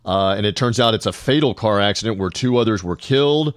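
A man's voice: fairly low pitch, expressive, a little fast, dry recording, clean studio sound. A man co-hosting a casual movie podcast, rambling with lots of hesitation and a sarcastic edge. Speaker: podcast co-host.

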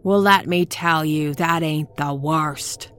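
A woman voicing a frantic, half-mad old woman who speaks in a rustic old-timer dialect and swings between shouting and hoarse whispers. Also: low-pitched, steady tone, slow, exaggerated voice. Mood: ranting.

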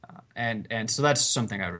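A man co-hosting a gaming podcast, talking with enthusiasm and letting his phrases trail off quietly. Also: on the low side, fairly quick. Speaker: podcast co-host. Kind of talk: casual podcast talk.

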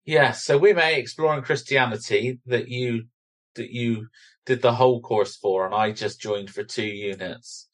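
A man's voice: mid-range voice, a little slow, a bit bright. A man with a Bristolian accent, chatting casually and teasingly as a podcast host.

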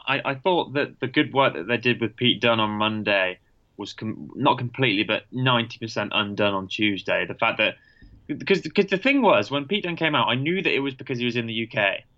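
A man's voice: mid-range voice, animated, a little fast, pushed and bright, muffled recording. A man co-hosting a podcast, chatting casually about wrestling in an exasperated way, often restarting his sentences. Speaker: podcast co-host.

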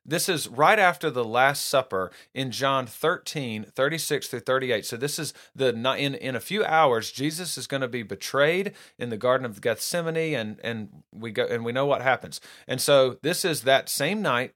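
Guy walking through a bible passage, mid pitch, chatty with lots of restarts. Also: a bit bright. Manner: conversational, restarts often, reads scripture aloud. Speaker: preacher. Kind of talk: casual Bible teaching.

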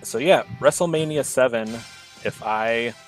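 A man's voice: medium pitch, a little slow, over loud music, low-quality recording. A man in his thirties, a podcast guest, chatting casually and rambling with many fillers and restarts. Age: 30s. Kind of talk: casual chat.

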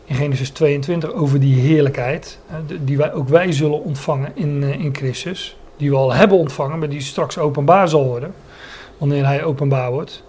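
A man's voice: a little high, brisk, darkish tone, husky. A man preaching a Bible sermon, often stopping to search for words and restate a phrase, and explaining the meanings of Greek words.

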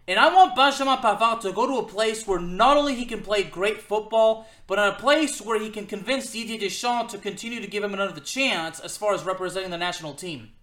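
A man with a high, bright voice gives unscripted football opinions as a podcast host. He speaks emphatically and repeats phrases to drive a point. The room adds noticeable echo. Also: brisk, hardly any pauses. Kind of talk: unscripted opinionated sports commentary. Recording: roomy, echoing sound.

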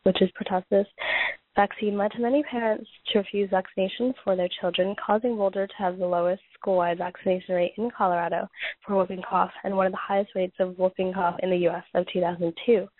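A woman with a failing voice reads prepared notes aloud, stumbling, restarting and clearing her throat. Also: mid-range voice, fairly even intonation, no echo. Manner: halting reading with frequent restarts and throat clearing. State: losing her voice, coughing. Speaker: podcast host reading points on a topic. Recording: tinny phone-like audio.

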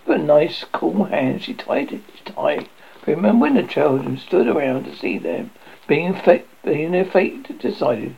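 Gravelly, lively male storyteller. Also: fairly high pitch, unhurried, lo-fi sound, a little hiss or hum. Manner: expressive reading with stumbles and self-corrections. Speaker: narrator. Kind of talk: audiobook reading on radio.

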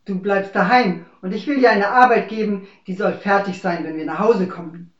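A woman voicing a harsh, scornful middle-aged stepmother in a fairy tale reading, scolding slowly and shrilly. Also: mid-range voice, echoey room, dull audio, close to an everyday voice.

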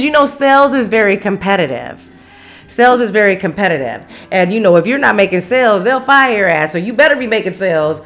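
A woman from the United States hosting a casual storytime monologue, frank and profane, laughing often and acting out quoted voices. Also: mid-range voice. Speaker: storyteller host.

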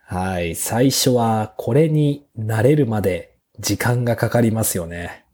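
A man hosting a beginners' Japanese lesson podcast, speaking slowly and simply with small fillers. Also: fairly low pitch, a little mellow. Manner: slow, clear teacher's delivery with fillers. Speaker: podcast host teaching Japanese.

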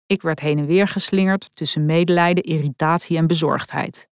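Wry, low-voiced middle-aged woman storyteller. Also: steady tone, brisk, clear, resonant tone, dry recording, clean studio sound. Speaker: podcast host and narrator. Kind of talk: scripted storytelling narration.

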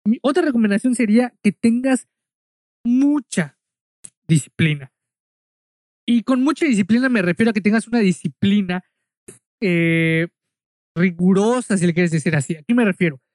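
A man's voice: high voice, brisk, darkish tone, no room sound, studio quality. A man from Mexico with a Mexican accent, casually telling a story in a monologue, chatty and full of asides, speaking straight to the listener.

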